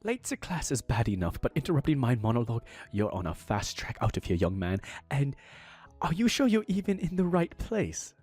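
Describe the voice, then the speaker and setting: A man voicing a small, fluffy corgi professor who lectures grandly and demands respect, well above his own pitch. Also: sing-song, brisk, darkish tone, slightly rough, soft background music. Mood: scolding.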